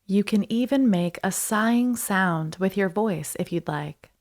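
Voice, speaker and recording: A woman instructor leading a guided breathing meditation in a soothing, unhurried way, leaving pauses between short instructions. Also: mid-range voice, a little mellow.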